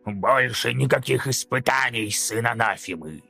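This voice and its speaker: A man's voice: mid-range voice, vocal fry, pushed and bright, breathy edge, soft background music, voice pushed down, heavily acted. Kairos, a man voicing an ancient two-headed demon. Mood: grave, ominous. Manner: slow, grave, hissing pronouncements.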